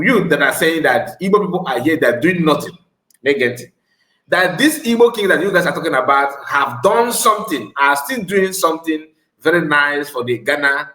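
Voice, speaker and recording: A man's voice: fairly high pitch, pushed and bright, echoey room, low-quality recording. A man with a Nigerian West African accent giving informal, emphatic reaction commentary, repeating phrases for stress. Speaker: online video commentator.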